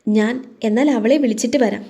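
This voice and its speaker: Woman reading a boyish groom who mocks his dad, mellow audio-story voice. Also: a little high, a little fast, creaky. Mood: cheeky. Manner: cheeky, mocking. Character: cheeky newly married young man.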